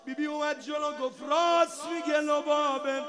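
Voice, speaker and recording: A man reciting a religious mourning eulogy, shouting and chanting drawn-out lines at a mourning gathering. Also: very high voice, steady tone. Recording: live crowd and music behind.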